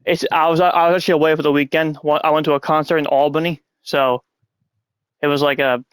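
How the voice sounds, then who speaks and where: Fast and on the high side with little pitch movement, his voice sounds clean with no echo. He's a podcast host with a stuffy nose from an oncoming cold, casually reviewing wrestling at home. He rambles, gets sarcastic and is frequently annoyed.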